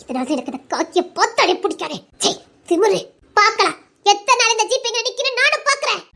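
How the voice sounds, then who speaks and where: Woman playing a fiery teacher lady in an audio drama, super high bright voice, fast and scolding. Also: expressive, full character voice. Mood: scornful. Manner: scolding, indignant, quick retorts. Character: sharp-tongued young woman schoolteacher, proud, combative.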